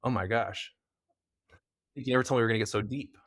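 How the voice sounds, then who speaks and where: This podcast guest is a young American man who works in preventative health, chatting casually in an interview. He has a medium-pitched voice that's a bit bright, and he talks fast and loosely, using lots of fillers. There's no echo in the recording.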